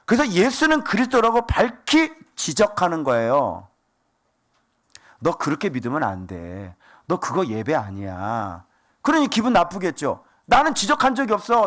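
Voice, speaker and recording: A man preaching a sermon as pastor, animated and asking the congregation rhetorical questions. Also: sits high.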